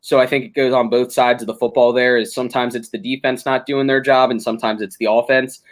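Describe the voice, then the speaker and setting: A man's voice: mid-range voice, flat delivery, quick pace. A young man hosting a casual sports podcast, talking through games analytically with frequent ums and restarts. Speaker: podcast host.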